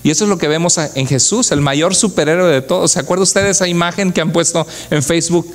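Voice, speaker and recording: A man preaching from the pulpit with a voice pitched a little above the usual male range. He speaks with fervor and often turns to his congregation with rhetorical questions, as a pastor delivering a church sermon does. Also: fast talker.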